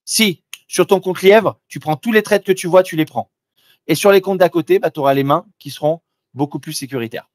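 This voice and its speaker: A man's voice: sits high, normal speed, no room sound, studio quality. A man doing live trading commentary, talking informally and directly to the listener with frequent restarts. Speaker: trader presenting a live trading demo.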